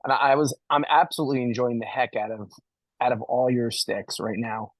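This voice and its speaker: A man hosting a casual interview, asking relaxed questions and affirming answers with short backchannels. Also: medium pitch, a little fast, no room sound, poor audio. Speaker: podcast host interviewer.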